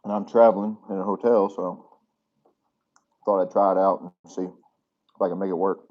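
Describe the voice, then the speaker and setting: A man with a fairly low voice chats casually to viewers on a live stream while eating, talking with his mouth full. He speaks into a phone in a hotel room, and the sound comes through dull and lo-fi. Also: steady tone, moderate pace. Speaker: channel host live-streaming.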